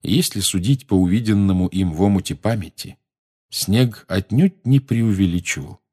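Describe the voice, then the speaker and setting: Low-voiced man reading an audiobook. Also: normal speed, dark tone, breathy edge. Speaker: audiobook narrator.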